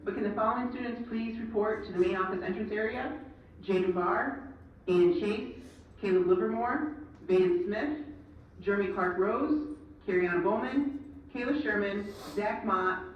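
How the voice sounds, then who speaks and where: A woman's voice: medium pitch, a little hiss or hum. Woman on a school intercom. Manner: polite, measured, reading out a list of names. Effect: school intercom over a classroom loudspeaker. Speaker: school office announcer. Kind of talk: formal public-address announcement. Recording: echoey, muffled loudspeaker heard from far off.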